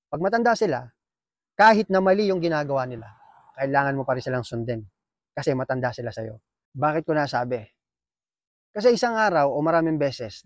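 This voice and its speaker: Man from the Philippines, factory worker, casual vlog, brisk earnest storytelling, faint background music. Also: on the high side, a little mellow, no room sound, studio quality.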